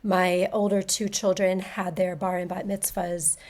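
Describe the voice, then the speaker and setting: A woman's voice: fairly low pitch, flat delivery, unhurried, a little mellow. A middle-aged woman from California, an author guest, speaking hesitantly with repeated ums and ands. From San Francisco, California.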